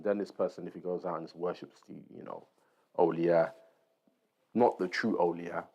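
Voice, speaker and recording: Reading a text aloud and explaining it, this man teaches an informal Islamic lesson in a low, slightly mellow voice, pausing for short tags to check in with his listeners. The audio is dull and lo-fi.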